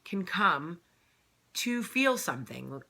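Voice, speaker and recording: She speaks slowly but very animatedly, her fairly low voice bright and pushed, with vocal fry. As host of her own vlog, she addresses the camera casually and earnestly, emphasizing points, repeating phrases, and using plenty of "um"s.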